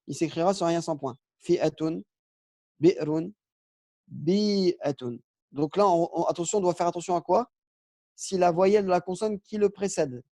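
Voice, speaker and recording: A man teaching a relaxed lesson, patient and step by step, with frequent fillers and self-corrections. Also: on the high side, no echo, clean studio sound. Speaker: Arabic teacher. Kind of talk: casual lesson on Arabic spelling.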